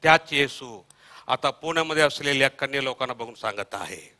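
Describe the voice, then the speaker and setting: A man with a Marathi accent preaching a Bible study sermon, echoing verses after a reader and swinging between soft murmurs and loud shouted calls. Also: medium pitch, lively intonation, a little fast. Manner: repeats verses line by line after the reader, prompting with "हा". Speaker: pastor.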